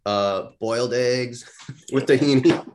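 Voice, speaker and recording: A man co-hosting a podcast in casual chat, rambling and laughing, with some vocal fry. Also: mid-range voice, slow, darkish tone. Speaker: podcast co-host.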